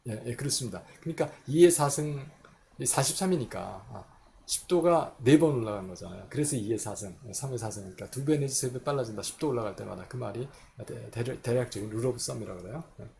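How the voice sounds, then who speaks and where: A man's voice: medium pitch, brisk, gravelly, a little mellow, a little hiss or hum. A man giving a recorded chemistry lecture, working through equations step by step and asking and answering his own questions.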